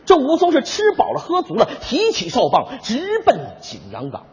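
A man performing comic crosstalk, telling an old hero story with an animated storyteller's delivery and sputtering when flustered. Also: very high-pitched, moderate pace. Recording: dull sound with long hall reverb.

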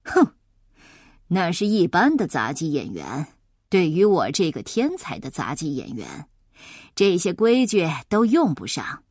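A woman's voice: fairly low pitch, huge pitch swings, measured pace, darkish tone, slightly rough, no echo, studio quality, pitched below the performer's own voice, full character voice. A woman voicing a boastful, lazy adult male acrobat who talks in a haughty, scornful drawl. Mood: smug.

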